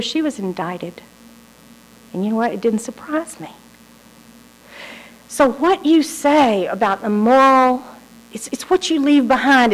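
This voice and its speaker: A woman's voice: a little high, low-quality recording. A woman giving a lecture, telling stories and acting out the people in them. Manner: lively storyteller acting out quoted people. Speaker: speaker. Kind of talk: lecture with storytelling.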